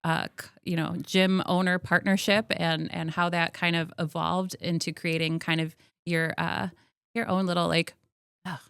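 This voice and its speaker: A woman co-host leads the chat with meandering questions, laughing easily as she goes. Her voice is slightly low for a woman. The recording is dry, with no room sound. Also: level tone, normal speed, creaky, few pauses, a bit bright, clear, resonant tone, no room sound. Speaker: podcast co-host. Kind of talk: casual conversational interview.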